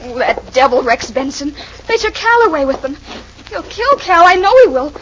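A woman's voice: high-pitched, big pitch swings, normal speed, a bit bright. An actress playing a distressed young woman in an old radio western, breathless and pleading in a melodramatic style. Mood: distraught. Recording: dull, faintly noisy vintage radio recording.

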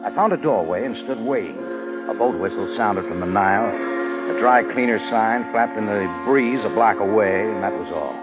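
An actor playing a tough private detective, narrating and talking in a clipped, dry way in a 1940s radio drama. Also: male voice, on the low side, moderate pace, close to an everyday voice, low-quality recording. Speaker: lead and narrator. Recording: old radio broadcast with music.

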